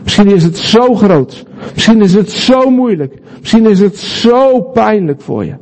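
Man, preacher, high voice, mellow tone, emphatic repetition, rhetorical questions. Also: lively intonation, unhurried. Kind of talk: sermon.

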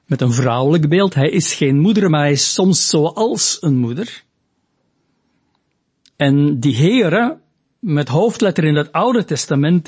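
Slow, husky preacher man. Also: fairly high pitch, a little mellow. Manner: slow, deliberate and emphatic, with rising quoted lines. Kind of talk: sermon teaching on scripture.

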